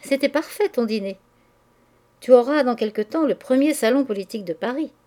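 A woman reading aloud, voicing a lively, coquettish young society woman who speaks in a teasing, affectionate way. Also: on the high side, a little fast, voice pushed up, close to an everyday voice.

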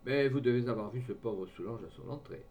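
A man's voice: medium pitch, brisk, a little mellow, slight background noise, lightly acted. A man reading aloud voices a gallant, blunt cavalry colonel, unsure with ladies and bluff with friends. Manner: hesitant with women, bluff with friends.

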